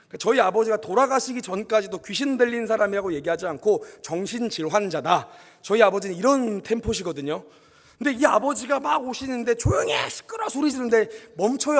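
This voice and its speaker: A man preaching a sermon in a church, telling a personal story in an animated way and speaking straight to the congregation. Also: high-pitched, brisk, big-room sound. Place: church sanctuary.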